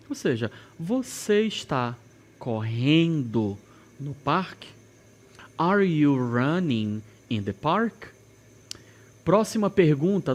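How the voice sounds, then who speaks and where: Brazilian male English teacher, unhurried, animated intonation, clear classroom delivery. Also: medium pitch. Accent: Brazilian Portuguese. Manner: slow, carefully enunciated English examples. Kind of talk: recorded classroom lesson.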